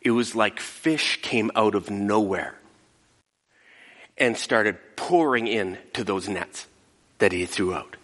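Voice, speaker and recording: A male pastor giving a casual sermon, retelling a story in an animated way. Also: fairly low pitch, slow, long reverb tail. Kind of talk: conversational sermon.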